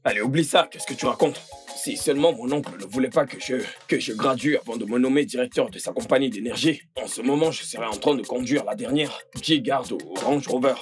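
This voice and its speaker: A man's voice: mid-range voice, brisk, lightly acted. A man dubbing, in French, the role of a bragging young villager who teases his friend. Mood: boastful. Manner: boastful and teasing. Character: boastful young village man, mocking joker. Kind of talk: French film dub. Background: background music.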